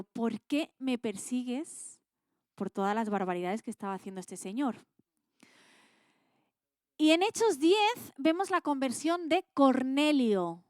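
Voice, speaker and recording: A woman's voice: sits high, clean tone, dry recording, clean studio sound. A woman with an accent from Spain, teaching a Bible class in a casual, colloquial way and quizzing her students with questions.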